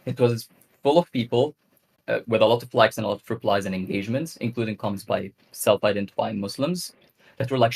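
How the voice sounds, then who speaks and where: A man's voice: medium pitch, creaky, breathy edge. A young man from Egypt, calling in to a talk show and earnestly explaining his views, speeding up in bursts. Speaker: caller. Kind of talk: casual call-in discussion.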